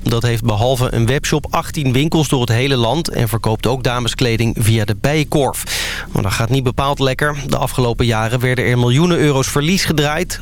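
A male newsreader with a Netherlands Dutch accent delivers a scripted bulletin. His voice sits at a medium pitch. Noticeable background noise runs under the read. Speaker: radio newsreader. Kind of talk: scripted news bulletin with weather.

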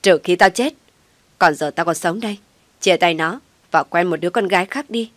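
A woman's voice: on the low side, fairly even intonation, brisk, dry recording, close to an everyday voice. A woman voicing a stern, angry older mother who scolds harshly in an audio story. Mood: furious scolding.

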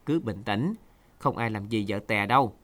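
Guy doing a calm sensible friend, reassuring, pretty near his own voice. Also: on the low side, moderate pace, natural voice.

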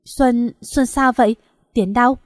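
A woman's voice: a little high, a little slow, a little mellow, no room sound, natural voice. A woman voicing a timid, simple-minded grown man who stammers and repeats his words like a child, in a dry-sounding audiobook.

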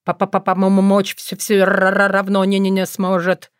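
A woman's voice: medium pitch, completely flat delivery, normal speed, clean tone, dry recording, clean studio sound, lightly acted. A woman voicing a stubborn young male fox who stutters heavily on nearly every word. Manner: heavy stutter, repeating syllables. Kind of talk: audiobook character voice.

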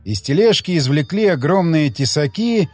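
A male narrator reads an audiobook, telling the story in a steady, expressive way. His voice sits a little high and moves lively through each sentence. The sound is dry and close, with faint music underneath. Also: normal speed, dry recording.

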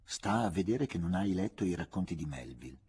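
A man voicing a witty, ironic young woman, lively and affectionately bossy in her teasing. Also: deep voice, a little fast, slightly rough, heavily acted.

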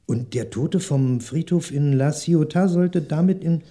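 In a 1960s German radio crime drama, an actor plays a polite, evasive French shopkeeper and former detective who is courteous but hesitant and stalling. His male voice is fairly high, mellow, and a little slow, with a guarded mood.

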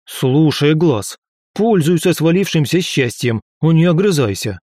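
A man's voice: sits high, big pitch swings, normal speed, a little mellow, no echo, studio quality, voice pushed up. Man putting on a snarling tiny hamster god. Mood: indignant. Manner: boastful and scornful, snapping insults. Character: irritable arrogant tiny male hamster deity.

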